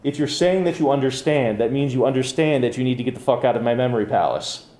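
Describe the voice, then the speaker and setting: A man's voice: mid-range voice, fast, dark tone, echoey room, close to an everyday voice. Man reading a curt, impatient man in his thirties.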